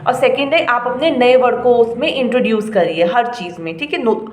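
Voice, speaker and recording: A woman's voice: a little high, normal speed. A young woman giving a casual spoken-English lesson, chatty and encouraging, often checking in with her listeners. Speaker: English-speaking coach. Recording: echoey room with faint ambient noise.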